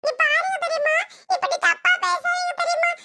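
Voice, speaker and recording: Someone voicing a young husband in a tirunelveli cartoon, super high squeaky voice, fed up and pleading. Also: fairly even intonation, brisk, sharp tone, dry recording, clean studio sound. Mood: exasperated. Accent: Tirunelveli Tamil. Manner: exasperated, pleading. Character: young husband, defiant then tearful. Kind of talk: cartoon voice acting.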